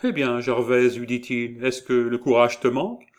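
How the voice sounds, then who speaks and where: A man reading the part of a pushy, impatient young student in an audiobook, loud and insistent. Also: medium pitch, fairly even intonation, moderate pace, pitched above the performer's own voice, close to an everyday voice.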